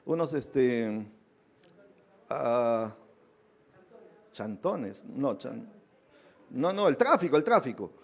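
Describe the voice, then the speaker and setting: A man's voice: medium pitch, very animated, very slow, gravelly, pauses often, breathy edge. A male pastor preaching a sermon, asking rhetorical questions again and again and acting out other people's voices to drive his points home.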